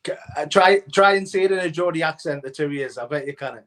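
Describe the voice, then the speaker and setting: Hesitant man with a higher voice. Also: fast, a bit bright. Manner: hesitant, many fillers and restarts. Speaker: co-host and racing tipster. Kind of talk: casual racing preview chat.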